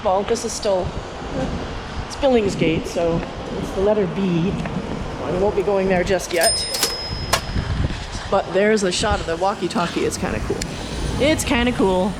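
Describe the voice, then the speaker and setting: Unhurried and prone to long pauses, this medium-pitched woman guides viewers around a London skyscraper and nearby streets, rambling casually and muttering wry remarks to herself. Her stick-mounted handheld camera picks up loud city traffic outdoors.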